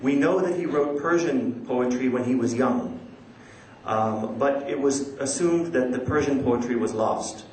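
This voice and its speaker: This male academic speaks at a measured pace in a mid-range, slightly mellow voice, delivering a conference paper that includes poetry recitation. Urdu, which he quotes, is not his native language. The big indoor hall gives the audio a strong echo, and background noise is audible.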